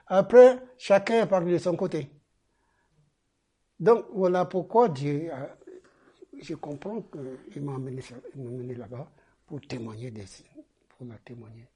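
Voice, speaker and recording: A man preaching a testimony sermon in a halting way, repeating his phrases and swinging between loud urging and soft murmurs. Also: on the high side, breathy edge.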